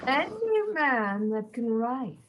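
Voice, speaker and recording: Woman doing a mocking witty young nobleman, slow and showy, kinda high voice. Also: very animated, fairly bright tone, a little hiss or hum, exaggerated voice, poor audio. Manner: theatrical, teasing verse delivery. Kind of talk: Shakespeare stage reading.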